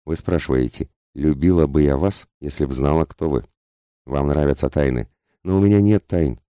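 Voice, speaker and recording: Man voicing a desperate, passionate society woman in an audiobook, intense pleading, very deep dark voice. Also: moderate pace, no echo, clean studio sound. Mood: furious pleading. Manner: intense, whispering-angry pleading.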